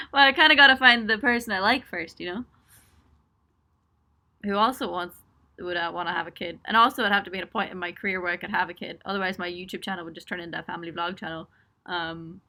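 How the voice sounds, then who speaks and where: A young woman musician hosts a webcam livestream for her supporters from a small home studio, her mid-range voice bright and forceful. She chats casually while answering viewer questions, full of ums, laughter, and self-deprecating jokes.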